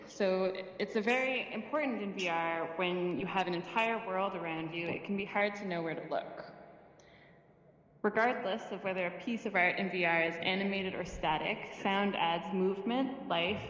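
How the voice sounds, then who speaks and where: A woman sound designer giving a presentation, explaining calmly with the occasional filler. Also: medium pitch, muffled recording. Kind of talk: presentation talk. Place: virtual museum space. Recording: roomy reverberant space with faint ambience.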